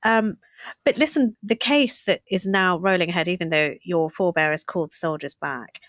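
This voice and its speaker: Animated, chatty, woman, history podcast co-host, low voice, dry room. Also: normal speed, no room sound. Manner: lively, animated storytelling with many restarts. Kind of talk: storytelling history chat.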